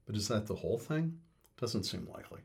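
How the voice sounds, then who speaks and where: Man, low husky voice, rambling interviewee who thinks aloud with fillers and restarts. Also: lively intonation, a little fast. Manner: hesitant, many fillers and restarts. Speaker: interviewee on music. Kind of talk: thoughtful conversational explanation.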